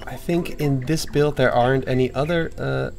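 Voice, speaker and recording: A young man, a game developer, casually talking through a live stream of his own game, excitable and playful with lots of fillers. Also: mid-range voice, moderate pace, creaky.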